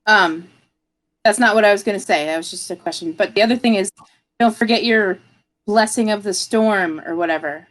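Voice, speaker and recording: A woman playing a tabletop game at an ordinary middle pitch. She talks in a chatty way, pausing and hedging as she decides her moves. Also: a bit bright. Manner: hesitant, chatty, many fillers. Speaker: player. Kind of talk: casual tabletop play.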